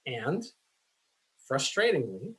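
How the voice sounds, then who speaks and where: A man teaching statistics in a casual, self-deprecating way, with many fillers, his voice going hoarse. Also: mid-range voice, sing-song, slow pace, a bit bright, rough recording. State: losing his voice. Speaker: statistics instructor. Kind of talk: screen-share lecture.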